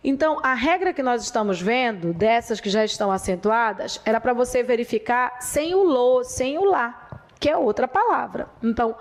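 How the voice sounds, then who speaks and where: A woman teaching a grammar lesson, repeating rules slowly and drilling them aloud. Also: on the high side. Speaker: Portuguese teacher.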